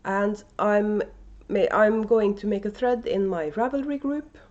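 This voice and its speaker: This is a casual, unedited video podcast chat from a Norwegian knitting podcast host who also dyes yarn, speaking hesitantly with frequent fillers and restarts. Her mid-range voice is darkish and measured in pace, and the sound is muffled. She's at home indoors, captured on a camera microphone.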